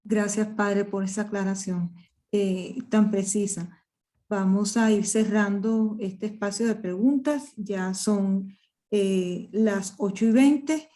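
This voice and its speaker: Woman, moderator, courteous, very slow, mellow voice. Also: medium pitch, steady tone. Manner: courteous, closing the session. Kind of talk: moderating a question session.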